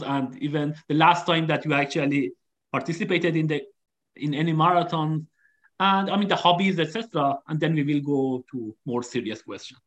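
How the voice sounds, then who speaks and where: A man's voice: a little high, a bit bright. A man hosting a live online interview, speaking hesitantly with many fillers. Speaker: host.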